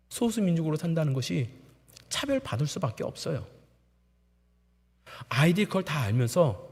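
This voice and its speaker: A man in his thirties preaches a sermon, his voice sitting a little high and rising and falling with lively animation. He acts out children and parents as he tells his stories. The sound carries the long reverb of a large church sanctuary. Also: breathy edge. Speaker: pastor.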